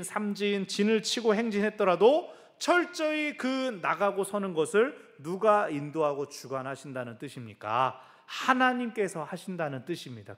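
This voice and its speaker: A middle-aged male pastor delivers a sermon in church, his voice sitting a little high and swinging widely in pitch. He tells stories animatedly, even imitating sounds with his mouth, in an expressive preaching style. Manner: animated storytelling with sound effects.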